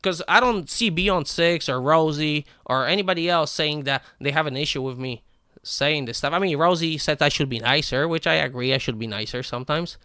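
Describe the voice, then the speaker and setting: A man livestreaming a game and ranting to his chat, profane and combative, swinging between animated outbursts and flat calm, with a habit of asking "right?". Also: fairly high pitch, a little fast, clear, resonant tone, no echo, studio quality. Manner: repeats "right?" and restarts words. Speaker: live game streamer talking to chat. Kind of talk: unscripted stream rant.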